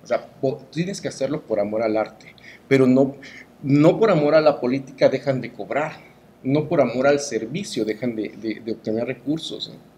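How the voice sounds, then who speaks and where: In an interview, a middle-aged man with a Mexican accent offers opinions as a cultural promoter. His medium-pitched voice is mellow and moves at normal speed, and he argues emphatically and rhetorically with many tag questions.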